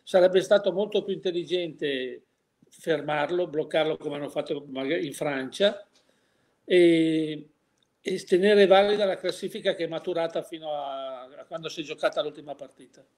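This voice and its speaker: A man's voice: fairly high pitch, normal speed, darkish tone. An older man giving an interview, opinionated and full of rhetorical questions, often restarting his sentences. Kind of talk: casual interview.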